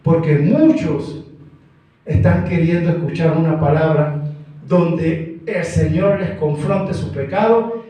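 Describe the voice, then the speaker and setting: A man's voice: on the high side, slow pace, mellow. Emphatic preacher man in an echoey church. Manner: emphatic, acts out quoted voices. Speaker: pastor. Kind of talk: evangelical sermon. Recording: echoey church room, mic far off.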